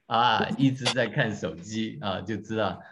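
Church class teacher, man, lowish voice, lively and self-mocking, dull lo-fi recording. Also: unhurried, slight background noise. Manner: lively, questions the audience, tells jokes on himself. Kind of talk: interactive teaching talk.

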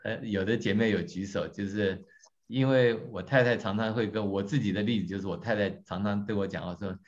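Low-voiced man teaching a church class. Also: a little fast. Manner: lively, questions the audience, tells jokes on himself. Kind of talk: interactive teaching talk. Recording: dull lo-fi recording.

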